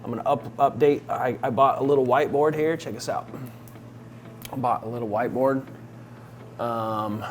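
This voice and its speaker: Male vlogger, informal and conversational, mid-pitched voice, addressing viewers as a coach, faint music behind. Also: fairly even intonation, normal speed, pauses often, a little hiss or hum. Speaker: vlogger and real estate investing coach. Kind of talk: casual day-in-the-life vlog talk.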